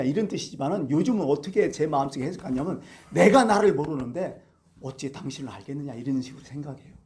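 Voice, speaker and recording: A male pastor preaching a Sunday sermon, telling stories and asking the congregation rhetorical questions. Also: high-pitched. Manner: animated storytelling with rhetorical questions.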